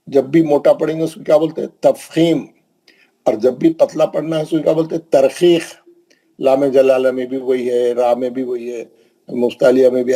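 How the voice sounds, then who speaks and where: A man teaching Quran recitation rules, asking questions and answering them, with slow drawn-out recited examples. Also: mid-range voice, mellow, husky, poor audio. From Hyderabad, India. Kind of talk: classroom tajweed lesson.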